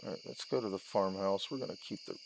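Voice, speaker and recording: Speaking quickly in a low, gravelly voice over background noise, a man hosts a casual let's-play video. He narrates what he does step by step, using short phrases that tend to trail away.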